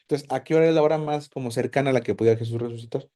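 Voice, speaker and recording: A man teaching a Bible class, animated and quizzing his students with lots of questions. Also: medium pitch, very fast. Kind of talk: casual teaching to a group.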